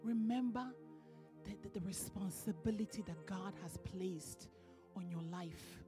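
A woman's voice: medium pitch, unhurried, over music. A woman minister preaching a sermon in a church, building emphasis and breaking into laughter now and then. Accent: non-American English.

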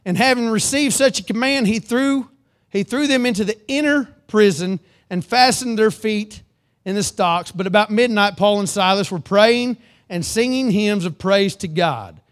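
At a moderate pace, a man preaches a sermon, reading scripture aloud and calling for amens. His delivery swings between loud, emphatic lines and low, earnest ones.

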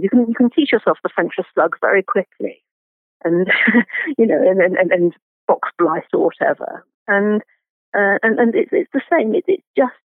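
A man with a high-pitched voice talks gardening as an interview guest, stumbling through restarts and fillers. The sound is thin and phone-like, and dry. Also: no echo. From Britain. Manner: halting, many restarts and fillers. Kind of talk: conversational interview. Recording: phone-like remote line.

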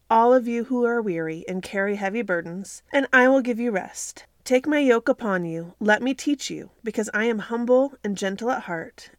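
Speaking earnestly and chattily, a podcast host talks about faith from inside her home clothes closet, using a computer mic. Her pitch is medium, and the recording comes out dry and clean, like a studio.

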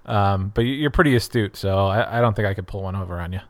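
A man's voice: fairly low pitch, fast. A man co-hosting a casual film podcast, hesitant and self-deprecating, with many fillers. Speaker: podcast co-host.

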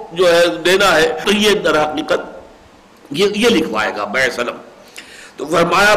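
A man's voice: fairly high pitch, bright, forceful tone, low-quality recording. An older man giving a religious lecture, reciting verses and explaining them. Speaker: Quran commentator.

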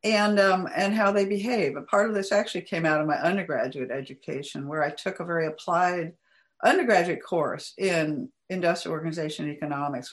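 A middle-aged woman academic recounting her path in a relaxed interview, chatty with frequent small laughs and restarts. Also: low voice. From United States. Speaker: guest academic. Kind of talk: interview conversation.

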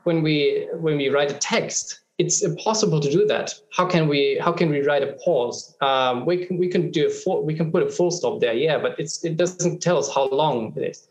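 Man, guest expert, slightly high voice, patient explainer, lots of ums, echoey room. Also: normal speed, few pauses. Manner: explains patiently, many filler ums and restarts. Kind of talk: explanatory conversation. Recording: roomy echo.

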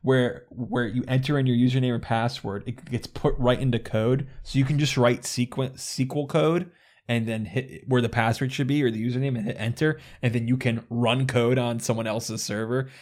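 A man guesting on a podcast, telling rambling, animated stories and laughing often. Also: mid-range voice, moderate pace. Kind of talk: casual gaming podcast chat.

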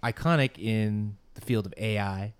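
A male podcast host with a lowish voice, putting relaxed interview questions to a guest. He laughs along easily between his questions. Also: a little slow, clean tone.

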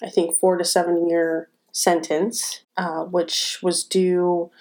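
A woman's voice: lowish voice, level tone, takes it slowly, darkish tone. A woman chatting casually as a podcast co-host, with a slight whistle on her s sounds from wearing braces. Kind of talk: casual conversational podcast talk.

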